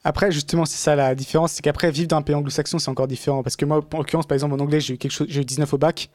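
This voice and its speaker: A young man speaks fast in a relaxed conversation. His voice sits slightly high. The sound is dry and close, with no room echo. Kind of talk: casual conversation.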